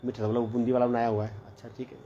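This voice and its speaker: A man's voice: mid-range voice, flat delivery, very fast, warm tone. A man, a teacher who helps run a hostel mess, tells a rambling everyday story in a casual vlog, peppering his talk with "bhai" and reported speech. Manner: rambling, chatty, repeats "bola" and "bhai". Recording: slightly dull lo-fi audio with faint background noise.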